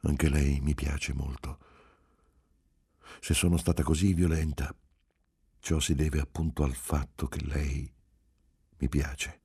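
A man reading aloud voices a scornful, sharp-tongued married woman with an insultingly polite, imperious manner. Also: steady tone, takes it slowly, pauses often, slightly rough, heavily acted. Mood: coaxing. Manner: insulting politeness, shrill when triumphant.

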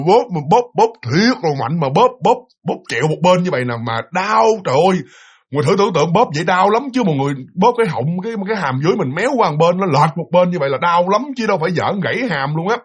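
A man's voice: high voice, slightly rough. A man telling a spooky story, acting out the voices of the people in it.

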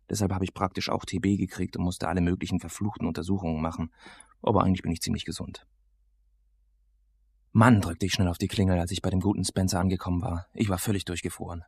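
Deep, gravelly man reading a novel. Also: a little mellow. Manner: casual, sardonic teenage narration. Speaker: audiobook narrator. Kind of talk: first-person novel reading.

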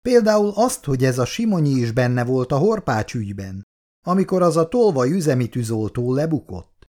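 A young factory worker sounds nervous and apologetic, voiced by a man reading aloud. His pitch jumps up and down. It is a storybook reading. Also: sing-song, darkish tone, lightly acted. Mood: unsure. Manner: apologetic and unsure.

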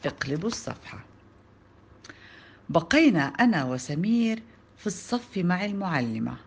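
Expressive woman reading a children's book. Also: on the low side, moderate pace, breathy edge. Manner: expressive, lively storytelling. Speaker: storybook reader.

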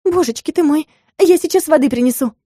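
A woman voicing a flustered but plucky young female assistant in an audiobook, excitable and higher-pitched. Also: fairly quick, dry recording, studio quality, close to an everyday voice.

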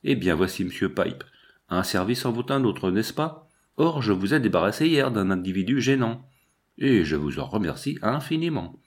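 A man's voice: on the low side, sing-song, moderate pace. A man voicing a burly, scheming male street tough who talks in a wheedling, businesslike way.

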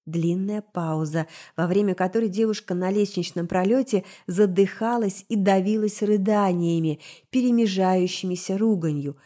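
A woman narrating a fantasy novel in the first person, measured and dramatic. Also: mid-range voice, mellow. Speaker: audiobook narrator.

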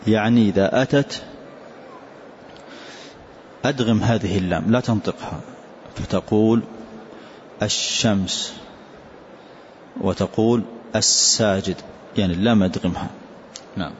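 A man's voice: fairly low pitch, normal speed, long pauses, darkish tone. A man teaching as a sheikh, patiently repeating a student's recited line and then explaining it. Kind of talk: classroom text explanation. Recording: dull lo-fi lesson recording, faint hiss.

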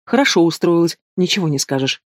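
A man's voice: on the high side, animated, fast talker, no room sound, clean studio sound, natural voice. A man voicing a blunt, reproachful middle-aged mother who lectures her daughter, in an audiobook. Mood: scolding. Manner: bossy and reproachful.

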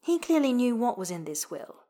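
Woman narrating a story, hushed phrase ends. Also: a little high, very animated, moderate pace. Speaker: audiobook narrator. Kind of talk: scripted narration.

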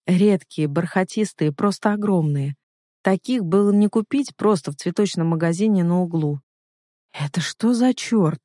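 A woman narrating an audiobook in the first person, telling the story in an expressive way. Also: lowish voice, dry recording, studio quality.

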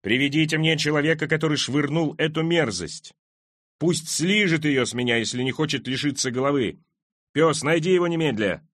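A man voicing a cruel, spoiled young king who shouts furious commands. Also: fairly high pitch, normal speed, few pauses, slightly rough, pitched above the performer's own voice.

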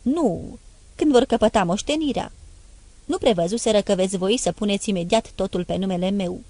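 A woman voicing a frightened young man who pleads, stammers and whimpers with a raised pitch. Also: mellow, dry recording, lightly acted. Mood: pleading tearful.

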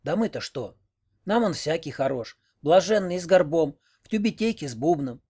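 A crafty old village granny with a bossy, grumbling way of talking, her voice pitched up a little from the reader's own, as a male audiobook reader puts her on. She is sly and quick to scold in this storybook reading. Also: animated, darkish tone, slightly rough.

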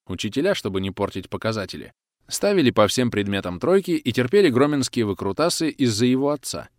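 This audiobook narrator reads a first-person action story with dramatic flair in a mid-range, very animated voice at a quick pace. He is close-miked, and the recording is dry.

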